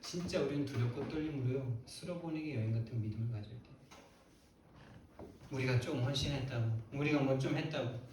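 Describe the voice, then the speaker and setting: A male pastor preaching a sermon in a church, emphatic and quick to put rhetorical questions to the congregation. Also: mid-range voice, a little mellow, a little hiss or hum. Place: church sanctuary. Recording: very echoey church hall, mic far off.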